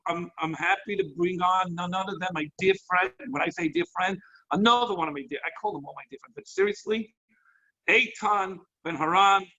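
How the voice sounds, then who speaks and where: A man hosting as a rabbi over a video call, effusive and excitable, jumping between thoughts. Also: sits high, brisk, vocal fry. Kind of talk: enthusiastic hosting. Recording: muffled lo-fi online call audio.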